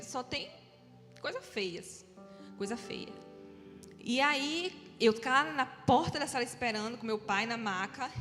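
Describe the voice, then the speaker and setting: Woman from giving church testimony. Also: a little high. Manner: storytelling, animated, acts out her own dialogue. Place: church hall. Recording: long hall reverb with faint music.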